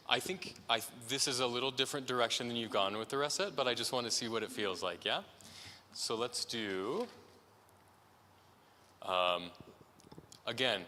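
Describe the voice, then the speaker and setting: Encouraging male opera coach, bright voice. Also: mid-range voice, slight background noise. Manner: encouraging, checks in often with "right?" and "yeah?"; breaks into sung and spoken musical phrases to demonstrate. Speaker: opera master class coach. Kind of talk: master class coaching. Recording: long hall reverb, faint ambience.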